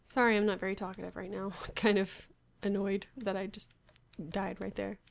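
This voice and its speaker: A woman at middle pitch with a gravelly edge to her voice mutters her way through a casual game session. She sounds unsure and wry, half talking to herself as she plays. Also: little pitch movement, moderate pace. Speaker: Minecraft player. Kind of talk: casual gameplay commentary.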